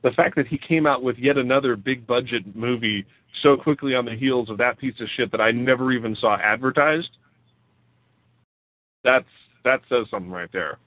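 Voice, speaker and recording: A man hosting a casual podcast chat, wry and quick to laugh. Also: mid-range voice, no room sound. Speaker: podcast host. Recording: dry, phone-like lo-fi sound.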